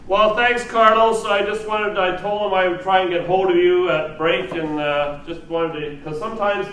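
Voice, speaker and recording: A male trainer gives an informal, conversational seminar on negotiation and NLP to a live audience, posing rhetorical questions as he coaches. His high voice keeps fairly even intonation at normal speed, heard through a distant mic in a roomy space with faint noise.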